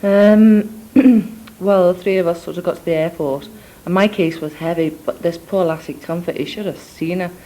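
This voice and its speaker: A woman's voice: fairly low pitch, normal speed, dark tone, poor audio. A young woman with a mixed Scouse and Scottish accent, rambling through a spoken cassette letter to family, full of ums and asides, recorded indoors on a cassette recorder. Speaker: letter writer. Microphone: cassette or dictaphone recorder.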